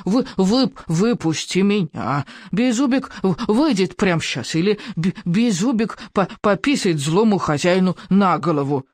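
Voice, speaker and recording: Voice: mid-range voice, expressive, measured pace, hardly any pauses, no echo, clean studio sound. A reader voicing a small, bossy male pet dragon who stutters and speaks of himself by name, muffled from inside a helmet. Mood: furious. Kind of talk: audiobook narration.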